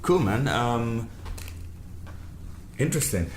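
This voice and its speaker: A podcast host with a medium-pitched, expressive voice takes his time as he asks questions casually during an interview. He laughs easily and offers brief back-channel replies, recorded in an echoey room with faint noise.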